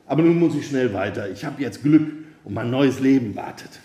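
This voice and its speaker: A man playing an excited young man in a hurry. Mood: hurried, excited. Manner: quick, excited, higher voice. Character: eager, hasty young man seeking luck. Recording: roomy echo.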